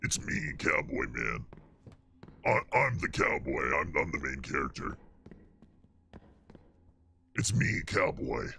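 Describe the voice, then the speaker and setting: A male game streamer talking through a deepening voice changer filter, goofing around and testing how it sounds. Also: big pitch swings, takes it slowly, gravelly, long pauses, sharp tone, slight background noise, heavily acted. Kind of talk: casual gaming commentary.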